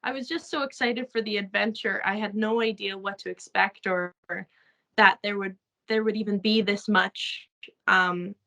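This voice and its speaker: A woman's voice: mid-range voice, steady tone, normal speed, creaky, sharp tone, low-quality recording. A young woman from Saskatchewan with a Canadian accent, chatting in an interview with many fillers and frequent laughs. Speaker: actress interviewee. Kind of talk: casual interview chat.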